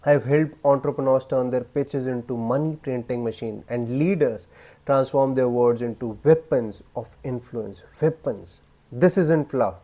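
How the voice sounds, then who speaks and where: A man coaching viewers on confident speaking, blunt and emphatic, with deliberate pauses. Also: mid-range voice, warm tone. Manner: acts out weak speech examples in a raised, rising voice. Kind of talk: direct-to-camera coaching talk.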